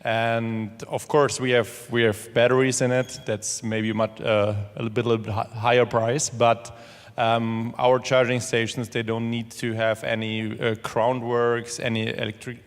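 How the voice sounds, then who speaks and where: A man's voice: medium pitch, level tone, moderate pace. A man, a panelist answering hesitantly with restarts and fillers. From Germany. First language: German. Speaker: panelist, company CEO. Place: large conference hall. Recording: conference hall reverb.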